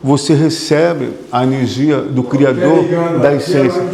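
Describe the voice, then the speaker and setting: A man's voice: medium pitch, fairly even intonation, a little slow, creaky, over a noisy crowd. A man, a psychotherapist, giving an emphatic motivational talk to an audience, repeating phrases and putting questions to the room. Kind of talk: motivational lecture. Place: hall with an audience. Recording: echoey hall with long reverb.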